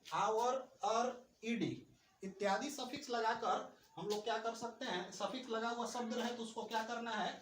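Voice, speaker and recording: A man's voice: sits high, recorded from a distance. Male English teacher, patient, repetitive classroom explanation, off-mic in a roomy room with faint hiss. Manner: slow and deliberate when reading English rules aloud; spells out words letter by letter, repeats key terms. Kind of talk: grammar lesson explained in Hindi.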